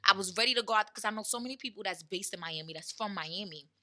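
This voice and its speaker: A woman rapper from New York, a guest telling a story in casual, slang-heavy chat, talking in quick bursts. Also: medium pitch, sharp tone. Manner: laid-back, street slang, talks in quick bursts.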